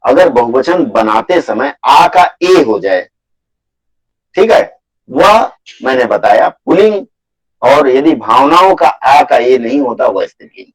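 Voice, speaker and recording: A man teaching a Hindi grammar class over a video call, patiently repeating his points and slowly listing example words for students. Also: medium pitch, animated, poor audio. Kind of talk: live online class lecture.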